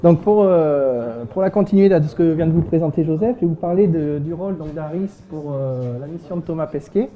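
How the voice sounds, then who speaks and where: A man giving an informal presentation as an amateur radio volunteer, chatty and halting. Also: on the high side. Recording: muffled lo-fi sound, dull microphone.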